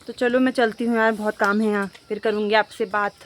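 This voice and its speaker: Medium-pitched and level, her voice moves a little fast over slight background noise. The young woman is doing a casual vlog walk-through of a village, chatting straight to her viewers outdoors as faint ambient animal noises drift in.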